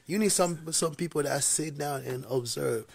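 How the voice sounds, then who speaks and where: A man's voice: a little high, moderate pace, vocal fry, husky, no echo. A man from Venezuela, a guest on a casual podcast, who talks with lots of stammered restarts and gets defensive when teased. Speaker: podcast guest, party promoter. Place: small studio with red couches. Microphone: desk mic on boom arm.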